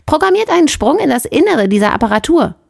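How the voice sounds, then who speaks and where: Woman doing a cocky, brisk female chief engineer. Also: high-pitched, sing-song, gravelly, no room sound, studio quality, voice pushed up, heavily acted. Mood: explaining. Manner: brisk, cocky, quick-witted. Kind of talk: audiobook character voice.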